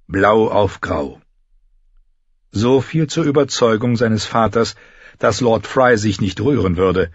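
Husky-voiced man narrating a fantasy audiobook. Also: on the low side, animated, takes it slowly, no room sound. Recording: slightly dull lo-fi dry recording.

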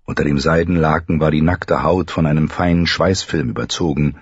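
A man with a very deep, husky voice reads a fantasy story at an unhurried pace. The recording is dry and close, a little muffled in the highs, and his delivery stays measured and even. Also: no echo. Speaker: audiobook narrator. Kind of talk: scripted fantasy narration.

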